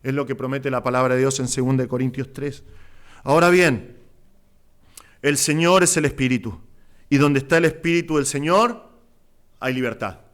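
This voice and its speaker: A male pastor with a Rioplatense Spanish accent, preaching an impassioned sermon that swings between loud exclamations and hushed asides. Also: medium pitch, moderate pace, long pauses. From Argentina.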